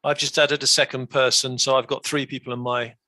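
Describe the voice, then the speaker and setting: A man in an online meeting, direct and matter-of-fact, giving quick instructions. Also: medium pitch, flat delivery, sharp tone, dry recording. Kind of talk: casual chat.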